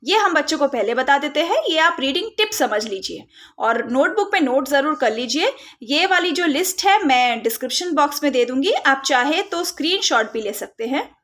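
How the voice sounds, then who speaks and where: A woman giving a phonics lesson for parents, modelling letter sounds slowly and mixing in English terms. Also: sits high, lively intonation, a bit bright. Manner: mixes Hindi with English terms. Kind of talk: instructional tutorial.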